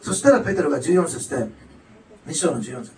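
Male pastor, rapid animated sermon delivery, roomy hall sound with faint ambience behind. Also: fairly high pitch, distant mic, a little hiss or hum. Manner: animated, rising to loud emphatic passages then dropping soft. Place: church hall. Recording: echoey hall, mic some way off.

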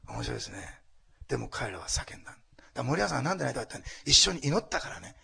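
A man pastor preaching a sermon to a congregation and leading a prayer, animated and dropping to whispers for emphasis. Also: mid-range voice, rapid-fire, vocal fry, slightly rough. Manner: animated, acts out quotes, drops to whispers. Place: church hall before a congregation.

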